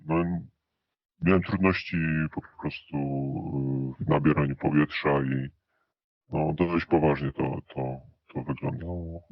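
A man's voice pushed electronically down to an unnaturally deep, rumbling pitch to hide who he is. He talks slowly and hesitantly, filling pauses with drawn-out "e" sounds. The audio is dry, dull and muffled. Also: steady tone, no echo. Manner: hesitant, with many drawn-out "e" fillers. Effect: voice pitched down electronically to disguise it. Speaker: interview guest. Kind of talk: recorded interview answers.

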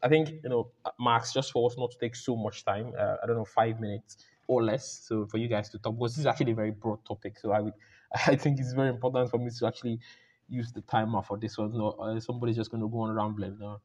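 A man's voice: mid-range voice, steady tone, quick pace, a little mellow. A man hosting a casual book club voice chat, rambling with frequent restarts and fillers. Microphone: home mic on voice call. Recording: lo-fi voice chat audio.

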